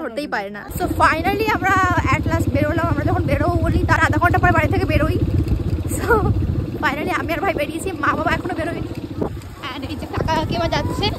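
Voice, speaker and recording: A woman from Bengal chatting casually and teasingly as she vlogs at a wedding reception. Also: sits high. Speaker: vlogger. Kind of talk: casual vlog chat. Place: outdoors at a crowded wedding reception. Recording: crowd noise behind. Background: crowd chatter.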